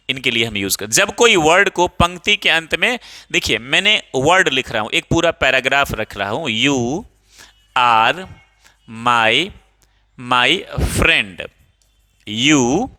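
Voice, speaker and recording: A young male English teacher with a slightly high, very bright and sharp voice runs a grammar lesson. He draws out each example sentence slowly and keeps checking that his students are following along. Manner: explains slowly, reads example sentences aloud in drawn-out English; checks understanding often, calls students 'babu'.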